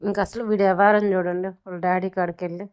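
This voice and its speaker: Fast-talking woman vlogger with a mellow voice. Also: lowish voice, little pitch movement, clean tone. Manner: chatty, explanatory. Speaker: vlogger, pet owner. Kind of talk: casual vlog narration.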